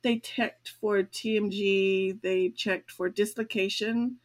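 This older podcast co-host, a grandmother, is chatty as she recounts a long personal story, frequently laughing as she talks. She has a mid-range voice, fairly even intonation and a slow pace.

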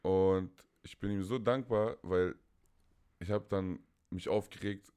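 A man's voice: low voice, steady tone, slow, warm tone, clear, resonant tone. A young man in his twenties, a podcast guest chatting casually in a call-in style, rambling with many fillers and repeated words.

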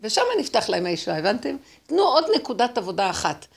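Gravelly woman teaching a dramatic lesson. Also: medium pitch, noisy background. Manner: animated, dramatic storytelling. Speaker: teacher of a spiritual class. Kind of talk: emotional spiritual lesson with acted-out quotes.

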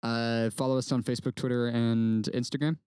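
A man's voice: mid-range voice, a little fast, clear, resonant tone, dry recording. A man co-hosting a podcast, chiming in agreeably in casual chat. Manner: lively, agreeable, chiming in often. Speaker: podcast co-host.

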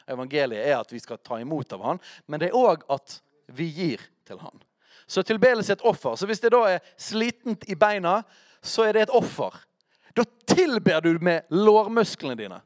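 A man giving a conversational teaching sermon, with a high voice that swings widely in pitch. He talks directly to his listeners and keeps checking in with them through short questions. The sound is close and dry, with no room around it. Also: no room sound. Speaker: preacher teaching on worship.

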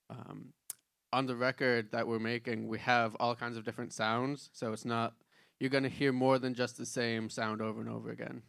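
A man's voice: mid-range voice, vocal fry, a bit bright. A twenty-two-year-old man in a band, answering interview questions in a laid-back way. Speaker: band member, interview guest.

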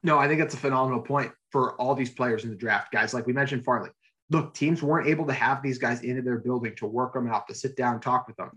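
A man hosting a casual podcast chat, energetic and emphatic as he leads the talk. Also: medium pitch, fast talker. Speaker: podcast host.

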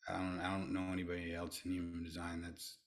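Speaking fast in a low, monotone voice, a middle-aged man gives earnest, reflective answers as a podcast guest. He frequently restarts and repeats himself.

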